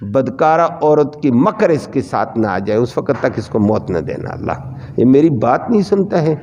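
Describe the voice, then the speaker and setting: A man's voice: mid-range voice, sing-song, warm tone, in a large hall, lo-fi sound. A man voicing a devout elderly mother who calls out and pleads with her son in a raised voice. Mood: anguished.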